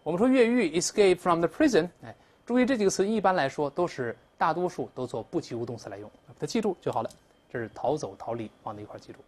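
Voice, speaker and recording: A woman English teacher explains words in Mandarin in a classroom lesson style. Her pitch swings widely as she drills pronunciation, repeating words loudly for students to copy. She moves between brisk explanation and slow, careful example sentences. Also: husky. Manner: animated, drills pronunciation aloud with repetition.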